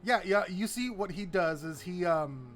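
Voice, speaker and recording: A man's voice: sits high, lively intonation, moderate pace, a bit bright, soft background music. A man narrating as game master in a loose, filler-heavy way.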